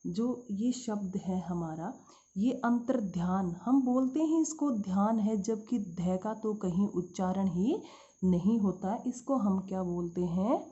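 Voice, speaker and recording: Woman teacher, mellow voice, patient classroom explaining to kids, muffled lo-fi sound. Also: medium pitch, slow pace. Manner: addresses students as "beta", asks and answers own questions. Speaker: Hindi teacher. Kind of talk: spelling lesson for schoolchildren. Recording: dull lo-fi sound.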